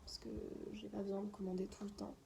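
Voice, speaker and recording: A woman talks through a beauty haul in a relaxed, unscripted way, her voice mellow and soft-edged. She keeps slipping into a half-whisper between livelier remarks. A faint hiss sits under the recording. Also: medium pitch, quick pace, gravelly. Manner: chatty, often drops to a half-whisper. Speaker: beauty vlogger. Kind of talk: casual unedited haul chat.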